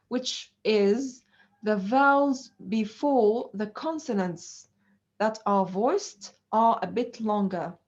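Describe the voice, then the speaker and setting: A woman teaching an English pronunciation lesson, speaking slowly and deliberately with many fillers. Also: fairly high pitch. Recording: dull lo-fi recording.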